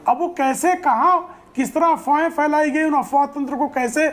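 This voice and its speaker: A woman's voice: sits high, normal speed. A woman speaking as a party spokesperson on a TV debate, formal and listing points with repeated phrases. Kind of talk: political debate argument.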